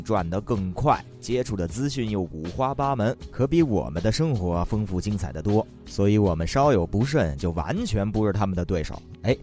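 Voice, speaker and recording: A man with a Northeastern Mandarin accent hosting a radio comedy, telling stories in a teasing, lively way. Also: fairly low pitch. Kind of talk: comic storytelling. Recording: faint background music.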